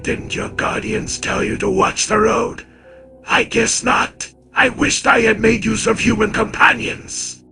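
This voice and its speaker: Megatron, high strained robot villain. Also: male voice, steady tone, unhurried, gravelly, soft background music, full character voice. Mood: gloating. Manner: menacing, mocking, shouted threats. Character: furious, gloating giant evil robot warlord.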